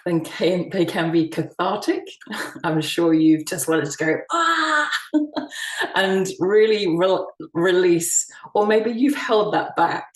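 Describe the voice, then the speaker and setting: A soft-spoken woman from the United Kingdom, a sound healing practitioner, giving a gentle summit talk with frequent ums and restarts. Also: on the low side, sing-song, slow pace, roomy sound, recorded from a distance, poor audio. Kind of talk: online summit presentation.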